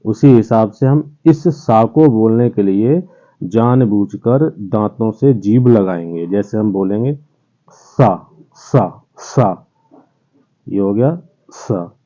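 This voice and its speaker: A male teacher giving an online lesson to children, slowly and patiently sounding out each letter. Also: on the low side, mellow. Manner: slow, patient, spells out sounds one by one. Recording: tinny phone-like sound.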